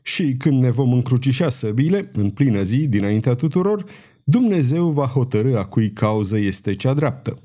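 A man voicing a gruff old soldier captain who speaks in a cold, curt way. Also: mid-range voice, animated, dark tone, close to an everyday voice.

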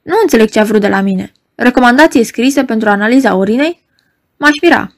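Brief: woman doing a haughty doctor, clipped orders, higher voice. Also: animated. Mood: curt. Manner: dry, short, commanding. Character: curt, proud middle-aged male professor, doctor.

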